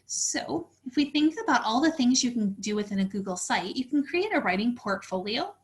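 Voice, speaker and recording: A woman's voice: a little high, expressive, moderate pace. A woman presenting a teacher workshop, explaining tools step by step in a friendly, practical way. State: slightly out of breath. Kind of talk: instructional webinar walkthrough.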